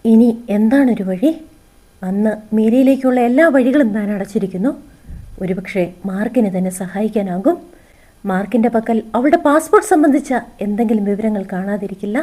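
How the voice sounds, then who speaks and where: An anxious, devoted man pleads in a storybook reading, read by a woman narrator. His lines come higher and a bit louder, yet the tone stays mellow and warm. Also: brisk, close to an everyday voice. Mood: anxious, pleading. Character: worried grown man, a devoted father and lover.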